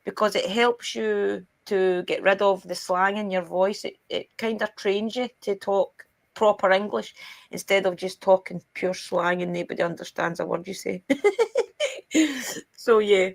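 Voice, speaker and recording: A woman's voice: mid-range voice, normal speed, gravelly, a bit bright. A Scottish woman with a Glaswegian accent, hosting a live-stream spiritual card reading in a chatty way. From Scotland. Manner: chatty, laughs often, reads messages aloud. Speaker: spiritual reader host.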